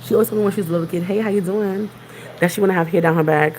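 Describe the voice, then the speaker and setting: A Queens native with a New York accent livestreams from outside on the street, greeting viewers and chatting away in a rambling, casual vlogger style. Her mid-range voice has a darkish tone, and she talks at a racing pace against background noise.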